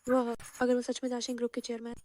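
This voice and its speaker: A female dub actor playing a greedy, sharp-tongued young woman who sneers at the people around her. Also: monotone, very fast, lightly acted. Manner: sneering and shrill. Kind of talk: Hindi dub acting. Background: music.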